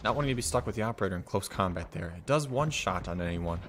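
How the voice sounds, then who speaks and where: Low-voiced male esports commentator over gunfire. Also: expressive, quick pace, background noise. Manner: explanatory, analytical asides. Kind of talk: live play-by-play game commentary. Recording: loud gunfire and game clicks behind. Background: shooter game gunfire and clicks.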